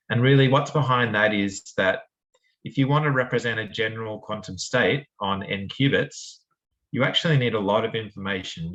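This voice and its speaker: A male lecturer with a strong Australian accent gives a friendly academic seminar talk, full of fillers and restarts. His voice sits lowish and slightly bright, and the audio quality is poor.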